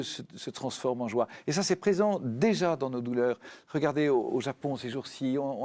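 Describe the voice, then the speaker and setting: A man's voice: mid-range voice, mellow. A man speaking earnestly as a guest in a spiritual radio discussion, often repeating words as he searches for them.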